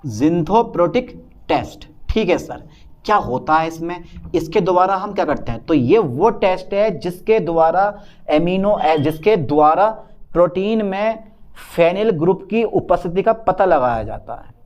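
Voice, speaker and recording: A male chemistry teacher giving a casual, lively lecture and playing both teacher and questioning student in a back-and-forth. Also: high voice, unhurried. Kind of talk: casual Hindi classroom lecture.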